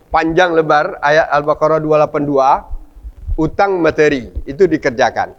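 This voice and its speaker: Male preacher, slightly high voice, animated and questioning, dull lo-fi recording. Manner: animated, asks the audience rhetorical questions. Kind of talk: mosque study sermon.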